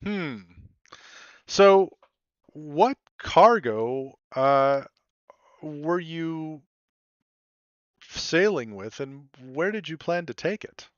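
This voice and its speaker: A man running a tabletop role-play game, speaking measured and filling pauses with ums and uhs. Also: on the high side, expressive, clear, resonant tone, no echo, dull audio. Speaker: game master. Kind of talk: tabletop role-play narration and character voicing.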